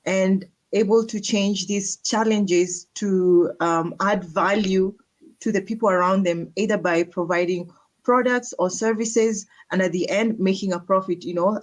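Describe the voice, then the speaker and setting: Measured woman guest from Kenya. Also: mid-range voice. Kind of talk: live panel discussion.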